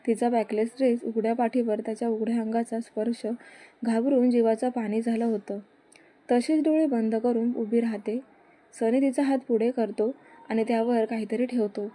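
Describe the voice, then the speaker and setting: Woman, storyteller, steady reading, fairly high voice, very mellow. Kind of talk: reading a romance story aloud.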